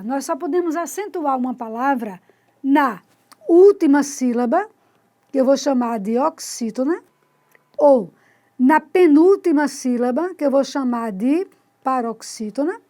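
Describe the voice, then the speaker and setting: A woman with a high, light voice gives a casual grammar lesson. She talks through her examples step by step as she points to them, and often checks in with her viewers through short tag questions. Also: warm tone. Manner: explains step by step, points at a board. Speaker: Portuguese teacher.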